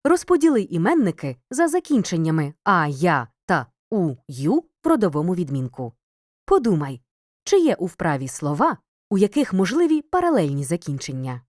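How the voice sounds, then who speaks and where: A woman reading a scripted grammar lesson as a teacher, clear and measured, pausing between listed words. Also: fairly low pitch, wildly swooping pitch, no room sound, studio quality. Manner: clear, measured, reads word lists with pauses. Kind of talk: scripted educational narration.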